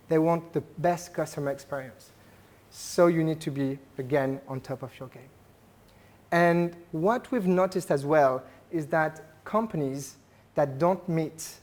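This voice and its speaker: A man from France, speaking with a French accent, gives a conversational talk to a live audience at a business event and keeps polling listeners with questions. His voice is fairly high with a darkish tone. He's engaging and sprinkles in plenty of "uh" and "right?".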